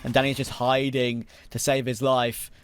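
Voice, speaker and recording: Excitable male esports caster, gunfire behind. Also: mid-range voice, normal speed, a little hiss or hum. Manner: excitable, emphatic delivery. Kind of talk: live esports play-by-play commentary. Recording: game gunfire and clicks throughout. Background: video game gunfire and clicks.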